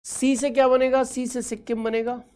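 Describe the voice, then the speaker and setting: A woman teaching a geography lesson with a fairly high voice. She fondly calls her students children and keeps asking them questions. She repeats key points and checks in with "okay" after nearly every step. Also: flat delivery, moderate pace, dark tone, smooth. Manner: affectionate, addresses students as children; repeats and quizzes, frequent "okay ji" check-ins. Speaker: exam-prep teacher. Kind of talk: online geography lesson over a map.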